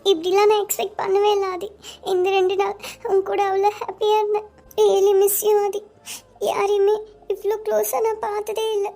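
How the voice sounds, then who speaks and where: A woman voicing a tearful, clingy teenage schoolgirl in love, in an animated web series. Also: extremely high pitch, normal speed, gravelly. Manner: weepy, pleading.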